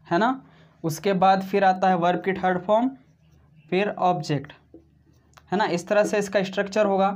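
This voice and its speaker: Male online tutor, slow and methodical, repeats examples and checks with a "right?" tag, friendly to viewers. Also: high-pitched. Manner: slow and deliberate, says he explains step by step. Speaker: teacher. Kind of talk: video grammar lesson.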